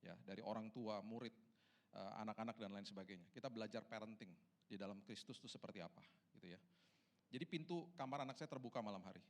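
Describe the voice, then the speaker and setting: A man in his forties preaching a sermon as pastor in a large church, telling stories and swinging between soft, hushed passages and loud, soaring ones. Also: lowish voice, fast talker.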